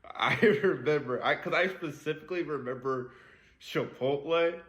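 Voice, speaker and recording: A man's voice: fairly high pitch, normal speed, fairly bright tone. A young man, a podcast co-host, chatting casually, laughing often and using slang. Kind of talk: casual chat.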